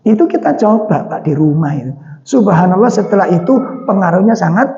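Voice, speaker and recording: A man's voice: high voice, animated, a little fast, warm tone. A man with a Javanese accent preaching in a mosque, telling stories and asking the audience questions. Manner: chatty storytelling with questions to the audience. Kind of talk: mosque sermon. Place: mosque hall. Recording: dull sound with long hall reverb.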